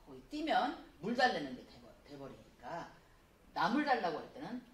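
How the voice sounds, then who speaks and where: Lively woman teaching in an echoey room. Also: lowish voice, far from the mic, a little hiss or hum. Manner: explains patiently, often saying "예", reads example phrases slowly. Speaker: Korean spelling instructor. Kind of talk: classroom lecture.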